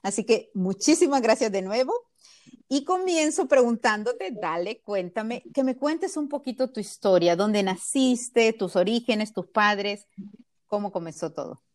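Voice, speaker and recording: A woman's voice: on the high side, expressive, unhurried. A woman hosting an interview, introducing her guest with enthusiasm. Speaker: interview host. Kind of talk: podcast interview.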